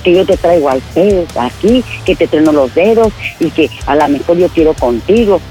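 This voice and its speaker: A man's voice: on the high side, expressive, moderate pace, mellow, faint music behind, close to an everyday voice. A man putting on the voice of a hurt, furious woman who scolds a male friend for betrayal in a prank phone call, with a Mexican accent. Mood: indignant. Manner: scolding, insistent, talks over the other. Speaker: prank caller.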